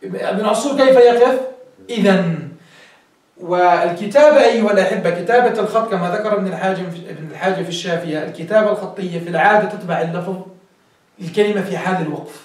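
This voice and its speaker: A man's voice: high-pitched, racing. A man teaching a grammar class, explaining step by step and quizzing his students with questions as he goes. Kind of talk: classroom lecture. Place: classroom with a board. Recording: very echoey room, mic far off.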